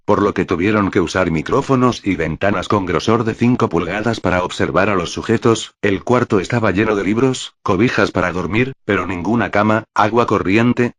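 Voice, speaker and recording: A man narrating a creepypasta horror story in a steady, measured way. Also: fairly low pitch.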